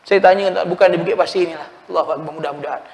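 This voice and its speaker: Man, high voice, mosque sermon, lively storytelling, long hall reverb. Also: rapid-fire, creaky. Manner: animated storytelling, addresses listeners as "tuan-tuan". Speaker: preacher.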